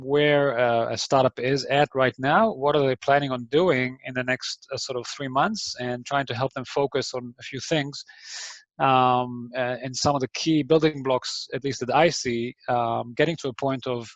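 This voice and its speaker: A man with a medium-pitched voice speaks at a moderate pace with fairly even intonation, his Israeli English accent carrying some New Zealand influence. Giving a friendly but hesitant online talk to startups, he is full of ums and restarts. The recording through a video call mic is dry and dull.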